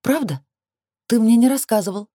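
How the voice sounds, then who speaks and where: A woman reading an audiobook and voicing a defiant, torn young woman with a lifted, sharp, bitter edge. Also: fairly high pitch, lively intonation, moderate pace, no echo, clean studio sound, pitched above the performer's own voice.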